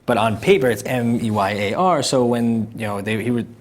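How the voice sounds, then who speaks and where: A young man co-hosting a casual chat show at an average pitch. He talks in halting bursts, restarting sentences and chuckling lightly. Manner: hesitant, restarts often, chuckles. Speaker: co-host.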